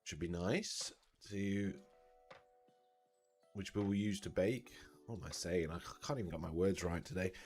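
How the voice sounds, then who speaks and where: A man with a low-pitched, slightly croaky and scratchy voice thinks aloud in an unhurried, casual way while streaming a tutorial, using fillers and restarting sentences. Soft music plays in the background.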